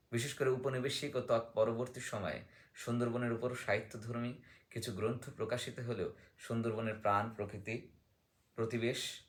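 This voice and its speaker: Appearing as a guest in a book discussion, a man with a medium-pitched voice explains things like a teacher. He sometimes reads passages aloud and sometimes asks questions that he then answers himself.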